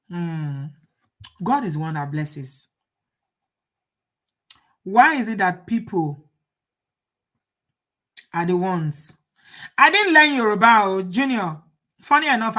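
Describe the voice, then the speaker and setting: A middle-aged woman from Edo State, Nigeria, hosts a relaxed live chat, reading out viewer comments and posing rhetorical questions. Her lowish voice sounds pushed and bright. She's chatty and laughs at the topic.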